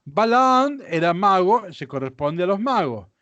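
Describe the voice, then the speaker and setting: A man teaching a Bible lesson from slides, explaining step by step and often asking his listeners whether it is clear. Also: high-pitched, very animated, unhurried, fairly bright tone, no echo, muffled recording. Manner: explanatory, checks understanding with questions. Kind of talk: lecture with slides.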